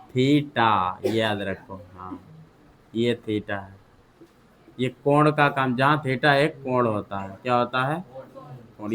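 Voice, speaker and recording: A man's voice: medium pitch, fairly bright tone. A male maths teacher with a Hindi accent, lecturing a class, drilling students with repeated questions and calling on pupils by name. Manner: calls on pupils by name to read aloud.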